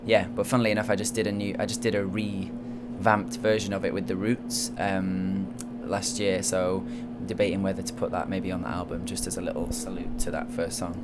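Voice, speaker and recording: A man's voice: low voice, flat delivery, a little fast, few pauses, very noisy. A young man with a Manchester accent, a soul singer talking in a casual interview, hesitant and full of fillers. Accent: Manchester English. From England. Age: young adult. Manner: soft-spoken, hesitant, lots of fillers.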